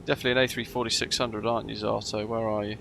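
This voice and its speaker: Bright, gravelly male flight-sim streamer. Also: on the low side, flat delivery, racing, slight background noise. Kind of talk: casual live commentary with checklist callouts.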